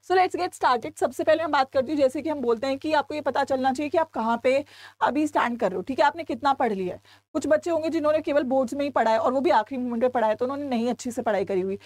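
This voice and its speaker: A woman's voice: high-pitched, fast, a little mellow, no echo. A young woman with an Indian accent, teaching students in a chatty, coaxing way and mixing English into her talk. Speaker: online exam-prep teacher. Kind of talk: lecture to students.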